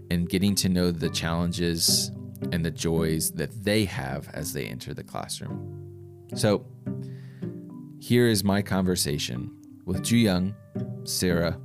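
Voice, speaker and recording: An American man hosting a conversational podcast interview, phrasing his thoughts in a hesitant, thoughtful way. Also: deep voice. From rural Indiana, USA. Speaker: podcast host, communication professor.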